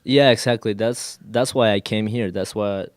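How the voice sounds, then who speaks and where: A man's voice: on the low side, fairly even intonation, moderate pace, no room sound, studio quality. A man in his twenties from Colombia, a Spanish speaker using English as a second language, speaking as a guest in a casual interview and hesitating often with fillers and restarts. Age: 20s. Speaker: guest, college student.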